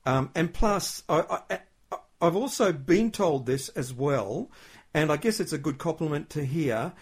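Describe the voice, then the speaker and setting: A male podcast host in casual interview chat, talking chattily and warmly complimenting his guest, with plenty of ums and uhs. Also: fairly high pitch, animated, unhurried, slightly rough. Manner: chatty and complimentary, with many fillers.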